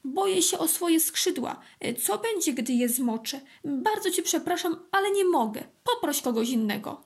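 A woman's voice: animated, moderate pace. A woman doing a fretful butterfly. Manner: high, fussy and apologetic. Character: delicate fretful male butterfly.

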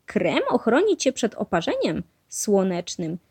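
A woman reading a storybook aloud, voicing a patient, caring mother mouse who coaxes her child gently. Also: mid-range voice, wildly swooping pitch, measured pace, slightly rough, full character voice. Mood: coaxing. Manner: gently coaxing.

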